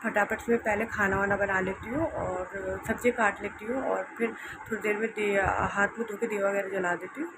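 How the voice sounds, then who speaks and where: Tired hoarse young woman vlogging at home. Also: medium pitch, fairly even intonation, fairly quick. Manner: soft, rambling, repeats herself. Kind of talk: casual home vlog narration. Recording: noisy home recording.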